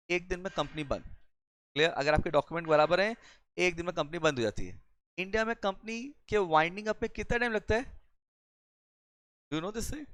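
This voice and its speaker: A man with an Indian accent giving a recorded law lecture, mixing Hindi and English and often asking the class "clear?" as he explains with everyday examples. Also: a little high, fairly bright tone, no room sound.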